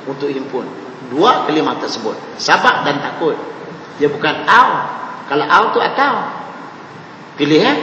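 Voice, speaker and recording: A man's voice: fairly high pitch, a little hiss or hum. A man with a Northern Malaysian Malay accent, giving a mosque lecture and often asking "ha, kan?" to his listeners. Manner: animated, rhetorical questions with frequent "ha, kan?". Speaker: religious teacher. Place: mosque hall. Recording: echoey hall with faint ambience.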